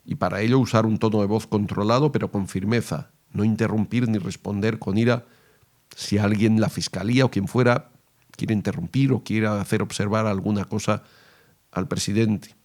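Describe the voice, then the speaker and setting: A man with a Spain Spanish accent teaching courtroom speaking, explaining in a measured way and reading examples aloud. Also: lowish voice, steady tone, darkish tone. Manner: measured, reads quoted advice aloud.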